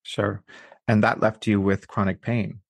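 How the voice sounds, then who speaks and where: A man's voice: on the low side, flat delivery, a little slow, creaky. A man hosting a podcast interview, upbeat and introducing his guest with flourish. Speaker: podcast host.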